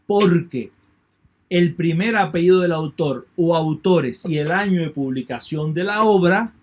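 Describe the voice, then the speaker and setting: A man's voice: fairly high pitch, a little slow, muffled recording, slight background noise. A man teaching an online lecture in a methodical way, repeating key points and thanking his students. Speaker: university lecturer.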